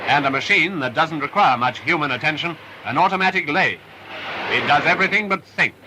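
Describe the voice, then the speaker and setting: A man narrates a wartime film in an upbeat, emphatic, patriotic style, his voice a little high, animated, and slightly fast. The soundtrack is a noisy restored one from the 1940s.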